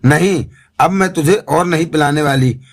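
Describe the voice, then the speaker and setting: Man voicing a stern older woman, commanding, firm, fairly high voice, audiobook. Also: moderate pace.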